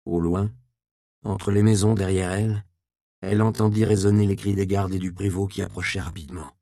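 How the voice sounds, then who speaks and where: A man with a low, gravelly voice reads a storybook aloud in measured, expressive narration. The sound is dry and close, with no room around it. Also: dry recording.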